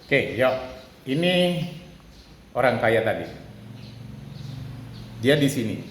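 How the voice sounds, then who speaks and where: A preacher delivers a casual sermon in a slow, expressive mid-range voice, explaining through a drawn illustration, repeating phrases and acting out quoted lines. The room is echoey with long reverb, faint ambience and a little hiss or hum.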